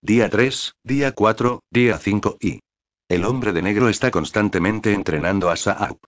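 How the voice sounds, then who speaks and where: A man reading a novel recap as scripted narration, in an even, flat manner. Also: on the low side, moderate pace, dry recording.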